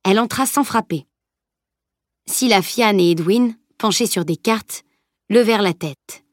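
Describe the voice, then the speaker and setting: A woman narrating a fantasy novel as an audiobook in a steady, measured read. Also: mid-range voice, no echo, clean studio sound. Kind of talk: scripted narration.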